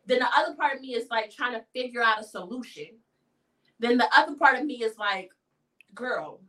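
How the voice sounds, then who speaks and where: A woman's voice: on the high side, a little fast, bright, forceful tone, rough recording. A woman hosting a podcast in casual conversation, who talks emphatically and repeats words for effect. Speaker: podcast host.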